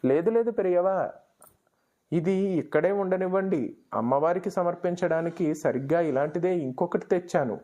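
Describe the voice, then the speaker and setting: A man's voice: high-pitched, moderate pace, mellow, voice pushed up, close to an everyday voice. A man voicing a devout, anxious elderly grandmother in a storybook reading, speaking in a pleading, tearful way. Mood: earnest.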